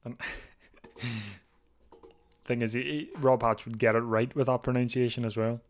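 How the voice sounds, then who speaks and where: A man from the UK, slightly hoarse, hosting a casual live watchalong at his desk, rambling, repeating words and clearing his throat. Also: medium pitch, steady tone, fairly quick. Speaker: live stream host.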